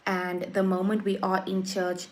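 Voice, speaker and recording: Woman livestream host, unhurried and emphatic, repeats phrases, drops soft then jumps high. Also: completely flat delivery, slight background noise. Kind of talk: casual faith talk on a livestream.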